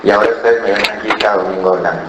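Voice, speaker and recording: In a church, a Colombian-raised pastor born in Ecuador, with a Cali accent, preaches a sermon and tells a personal story, mimicking other voices and tossing in "¿verdad?" again and again. His fairly low voice holds a steady tone and comes out rapid-fire. The room echoes, and there's background noise.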